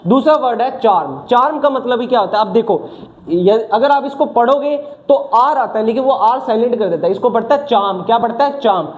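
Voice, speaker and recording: A male teacher leading a vocabulary class, asking quick questions and answering them himself, with English words mixed in. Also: very high voice, darkish tone, a little hiss or hum. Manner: mixes English words into his talk.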